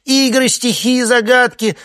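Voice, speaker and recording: A man voicing a flustered, shrill middle-aged woman coordinator in a storybook reading. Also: steady tone, natural voice. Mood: relieved. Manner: loud, shrill and rushed.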